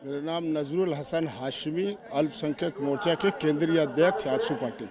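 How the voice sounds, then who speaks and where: A man from Giridih in Jharkhand speaks as a party official with a notably high voice. He answers outdoors at a party convention, pressing every point with rally-style emphasis. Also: moderate pace, a little mellow. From Giridih, Jharkhand, India. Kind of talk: political interview answers.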